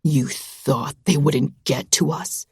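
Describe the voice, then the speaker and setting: A woman voicing a moody, threatening young man with a low rasp, sneering through gritted teeth in a whispered audiobook reading. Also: a little slow, darkish tone, no echo, studio quality, heavily acted. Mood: menacing.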